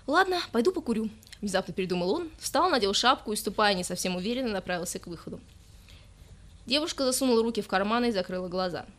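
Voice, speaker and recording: A woman reading a first-person story aloud with a medium-pitched voice. Her delivery is calm and even with a slightly wry edge, paced like a steady audiobook narration. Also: fast.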